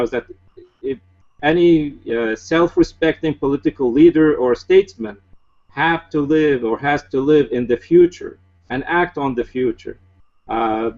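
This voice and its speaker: A man in his forties from Iraq, speaking English, giving an earnest, measured lecture as a guest speaker. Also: medium pitch, a little mellow, dull audio. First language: Arabic. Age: 40s. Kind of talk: lecture-style political presentation.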